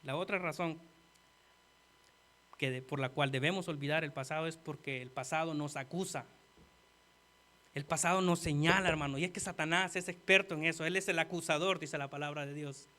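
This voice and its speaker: A man preaching a sermon earnestly, talking straight to the congregation and swinging from quiet asides to loud emphasis. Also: fairly high pitch, brisk. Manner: earnest, addresses listeners as "hermano".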